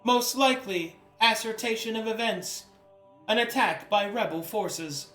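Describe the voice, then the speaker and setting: A man's voice: high voice, unhurried, a bit bright, echoey room, faint music behind. A man voicing an emotionless machine intelligence, speaking in clipped, robotic computer-processing status reports. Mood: monotone. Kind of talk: game master voicing a computer in a tabletop game.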